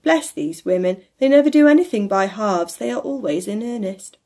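A woman with a husky voice playing a hearty, good-natured young gentleman who laughs and speaks with merry emphasis in a storybook reading. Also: mid-range voice, expressive, normal speed. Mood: jovial.

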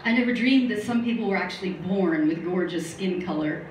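A middle-aged woman performing a stand-up comedy set with deadpan, self-mocking asides in a small studio. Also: on the low side, a little fast. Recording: roomy, distant live recording with faint noise.

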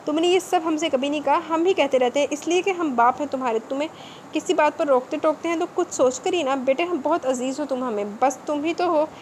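A woman's voice: high-pitched, a little fast, slight background noise, natural voice. A woman voicing a doting but stern middle-aged father who lays down the law to his daughter. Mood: fatherly.

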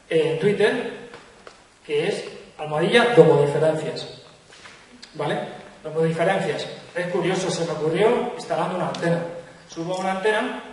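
A young man gives a joking conference talk into a handheld mic, often checking in with the audience. His voice sits fairly high. It rings through a large echoey hall and is picked up from far away. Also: a little mellow. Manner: chatty, jokey, asks "¿vale?" often. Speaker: guest speaker. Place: large lecture hall with stage. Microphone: handheld mic, recorded from far camera.

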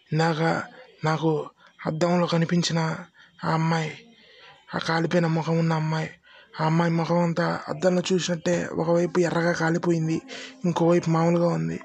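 A man tells a first-person horror story in a steady, suspenseful way. His voice is gravelly and husky, a little high, and stays nearly flat in tune throughout.

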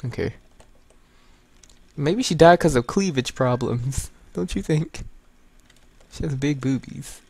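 A man's voice: medium pitch, expressive, takes it slowly, gravelly, pauses often, darkish tone, breathy edge, no echo. A man hosting a let's play, making offhand, joking remarks while he plays. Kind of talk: casual gameplay commentary.

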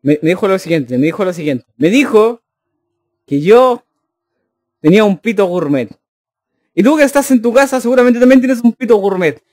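A man's voice: high-pitched, lively intonation, normal speed, long pauses, a little mellow, dry recording. A man, a streamer joking and chatting casually with his live chat. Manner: joking, teasing, addressing chat directly.

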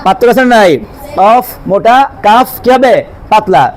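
A woman's voice: medium pitch, moderate pace. A woman teaching Quran pronunciation, patiently repeating each letter sound and quizzing her students with questions.

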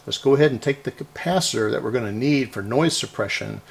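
With a gravelly, mid-range voice that has a breathy edge, the middle-aged repair video hobbyist from around Houston, Texas, speaks at a quick pace. He chats casually, explaining things in a folksy manner and musing aloud.

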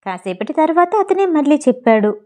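A woman's voice: high-pitched, big pitch swings, normal speed, mellow. A woman reading a novel aloud as an audiobook narrator, voicing the characters in her own voice.

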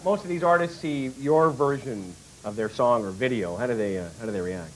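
Heard on a hissy, worn VHS dub with poor audio, this talk show host keeps a comedic late-night chat light. His medium-pitched voice moves briskly, jokey and playful, often cracking into laughter.

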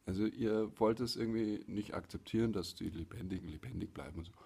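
A man in his forties chatting casually to camera in a halting, hesitant way, with a gravelly, husky voice. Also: fairly low pitch, mellow. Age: 40s. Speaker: hobby puppeteer and vlogger. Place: small living room, indoors. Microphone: phone or camera at arm's length.

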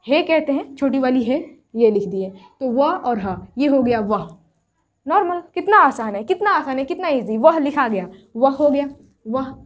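High-voiced woman teaching Urdu patiently. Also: expressive. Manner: patient, repeats each point slowly. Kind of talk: step-by-step whiteboard lesson.

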